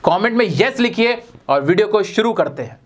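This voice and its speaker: With a voice that sits high and a moderate pace, this man teaches spoken English online with plenty of energy. He's emphatic and packs the lesson with rhetorical questions for viewers.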